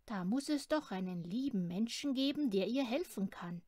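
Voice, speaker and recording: A woman reading a children's storybook aloud in an unhurried, expressive way. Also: fairly high pitch, no room sound, clean studio sound. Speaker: storybook reader.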